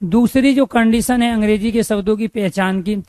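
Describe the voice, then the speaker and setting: A man's voice: sits high, steady tone, moderate pace, darkish tone, no room sound. A man teaching a grammar lesson, repeating key phrases and asking questions he then answers himself.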